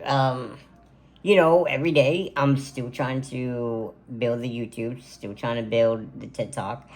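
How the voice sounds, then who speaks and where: A man in his twenties talking casually to camera in a birthday vlog from his gaming room, rambling with lots of fillers. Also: medium pitch. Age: 20s. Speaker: content creator. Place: home gaming room, indoors.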